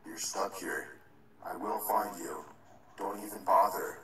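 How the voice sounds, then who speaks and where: A man's voice: low-pitched, unhurried, far from the mic, over a noisy crowd, low-quality recording. A man doing a whispery, possessed demonic voice. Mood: threatening. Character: demonic male voice from a haunted video, menacing, taunting. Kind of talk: scripted horror story dialogue. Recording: music behind the voice.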